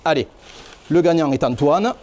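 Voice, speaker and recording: A man, hosting a live prize draw in a lively, chatty, playful way. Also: a little high, moderate pace, slight background noise.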